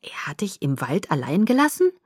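A woman reading the part of a worried, gruff middle-aged sheriff talking to his daughter. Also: on the low side, big pitch swings, moderate pace, no echo, clean studio sound. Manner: gruff, slightly out of breath.

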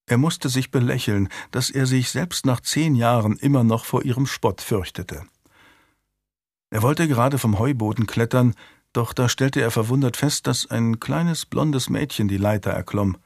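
Brief: male audiobook reader, mid-pitched, steady scripted narration, close dry recording. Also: a little slow, creaky, no echo. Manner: calm, even storytelling.

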